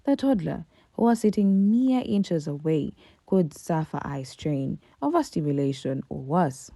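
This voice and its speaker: A woman's voice: sits low, big pitch swings, unhurried, mellow, dry recording. A woman reading a scripted commentary voice-over, emphatic and full of rhetorical questions. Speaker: commentary narrator.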